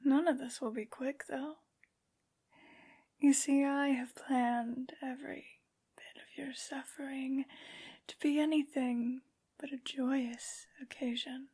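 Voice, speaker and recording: A woman voicing a haughty, menacing aristocratic vampire lady in a breathy, whispered ASMR roleplay, with slow, condescending phrasing. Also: high-pitched, flat delivery, dark tone, heavily acted. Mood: cruel relish. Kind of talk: soft-spoken ASMR villain roleplay.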